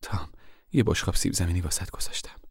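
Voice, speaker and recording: A man's voice: sits low, breathy edge. A man doing Ma, a patient, caring mother. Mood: coaxing. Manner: soft, coaxing speech.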